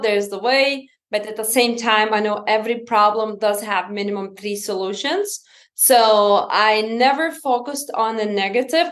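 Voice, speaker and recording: A woman in her thirties from Lithuania, a company founder talking on a video call in an earnest, energetic way with non-native English grammar. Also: medium pitch. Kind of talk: casual interview talk. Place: indoor room at home.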